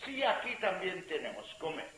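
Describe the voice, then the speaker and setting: A man's voice: high voice, wildly swooping pitch, normal speed. A man voicing a kindly old male temple priest in a told story, in an echoey room. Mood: gentle. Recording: echoey room with faint hiss.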